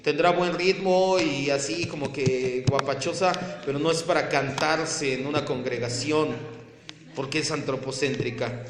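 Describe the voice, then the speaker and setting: A man preaching a sermon as pastor, chatty with joking asides, then loudly emphatic when reading scripture. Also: on the high side, unhurried. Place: church sanctuary. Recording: echoey church hall, faint noise.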